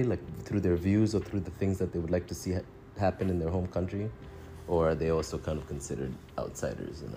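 A man's voice: deep voice, mellow, slight background noise. A man from Tanzania co-hosting a casual podcast over a phone, rambling, restarting his sentences and chuckling between thoughts. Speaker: podcast co-host.

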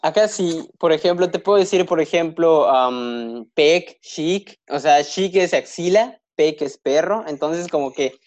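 A man's voice: on the high side, measured pace, few pauses, no echo. Young man with a Yucatecan accent. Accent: Yucatecan Spanish. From Yucatán, Mexico. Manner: animated storyteller, acts out quoted voices. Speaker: guest. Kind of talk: casual chat.

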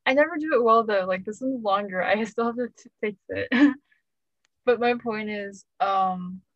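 A woman's voice: mid-range voice, unhurried, no room sound. Young woman podcast co-host, casual self-mocking chat, muffled lo-fi audio. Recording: dull lo-fi sound.

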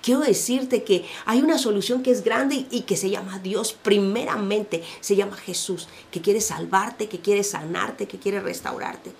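A woman's voice: medium pitch, measured pace, vocal fry, hardly any pauses, slight background noise. Impassioned woman preaching on a podcast. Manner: impassioned, swings between soft and loud delivery. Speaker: podcast host. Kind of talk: faith-based podcast talk, preacher-like.

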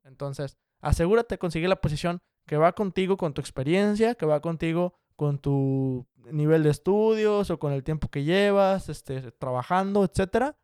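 A young man giving casual career advice straight to the viewer, direct, brisk and encouraging. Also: on the high side, darkish tone, clean tone, no echo, studio quality. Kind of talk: casual explanatory talk to viewers.

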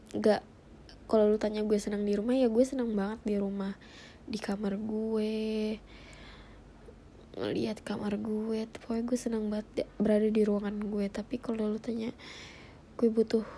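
A woman in her twenties with a blocked-nose voice, talking casually and reflectively in informal slang with hesitant pauses. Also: medium pitch, warm tone, slight background noise. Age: 20s. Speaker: personal podcaster.

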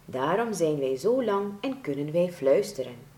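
A woman's voice: big pitch swings, a little slow, warm tone, a little hiss or hum. A woman doing a wise whispering grass blade chief. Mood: explaining. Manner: whispering, lowered voice. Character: bossy wise male grass blade leader. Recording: roomy echo.

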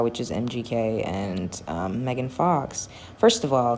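A young adult woman hosting a solo podcast, rambling casually with lots of fillers, cussing and quick laughs. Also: extremely low pitch, darkish tone, slight background noise. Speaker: podcast host.

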